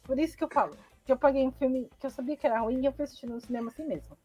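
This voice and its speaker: A Brazilian woman co-hosting a podcast from home, chatting casually with animated, rambling and blunt opinions. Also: sits high, rapid-fire, breathy edge, faint music behind. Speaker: podcast co-host. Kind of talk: casual chat.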